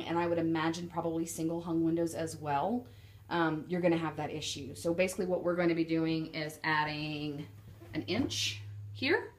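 Low-voiced chatty woman. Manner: chatty, rambling, many ums and asides. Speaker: vlogger building a tiny house. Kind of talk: casual handheld walkthrough. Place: inside an unfinished wooden shed.

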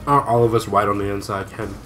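A man's voice: on the low side, fairly even intonation, fast, a bit bright, faint music behind. A man co-hosting a let's play, joking casually while reading the credits aloud. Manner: joking, reads credit names aloud with asides and laughs. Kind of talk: casual gaming commentary.

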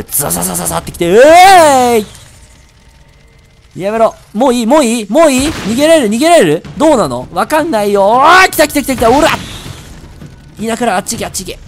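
A man commentating his own gameplay, excitable, yelping and swearing at enemies. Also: sits high. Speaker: let's-play gamer. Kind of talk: live game commentary. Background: game audio and music.

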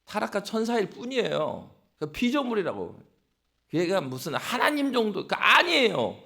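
A male pastor preaching a dawn sermon with animated storytelling and exhortation. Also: sits high, normal speed, vocal fry.

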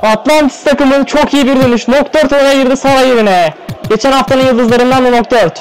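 A man calling an online football game play by play, firing off player names and bursting out in excitement at the goals. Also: very high voice, brisk, a little hiss or hum, low-quality recording. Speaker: play-by-play commentator. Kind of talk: live esports play-by-play commentary.

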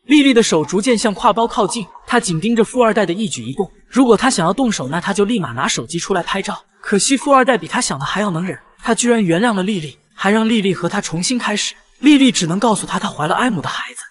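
Male narrator, high voice, fast pace, scripted story recap. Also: animated, fairly bright tone.

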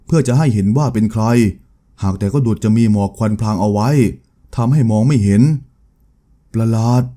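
Man, storyteller, novel narration, steady measured reading, very dark mellow tone. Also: on the low side.

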